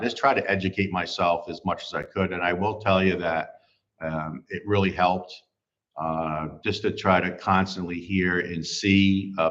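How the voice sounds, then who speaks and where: A man's voice: deep voice, fairly bright tone. A middle-aged man hosting a livestream, chatting casually about viewer comments and rambling with many fillers. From United States. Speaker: livestream host. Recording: slightly dull livestream audio.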